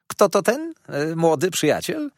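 Man putting on a shrill gossiping dwarf woman. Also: sing-song, a little slow, dry recording, studio quality. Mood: flirtatious. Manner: shrill, bustling and gossipy, with sudden high squeals. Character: chattering, coquettish little dwarf woman, a sly hairdresser. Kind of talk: audiobook character voice.

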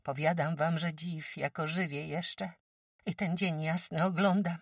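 A woman's voice: deep voice, steady tone, measured pace, dry recording, clean studio sound, far from the mic, pitched above the performer's own voice. A woman voicing a careworn peasant farm wife who talks emphatically in rustic speech, lamenting her troubles. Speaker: farm housewife.

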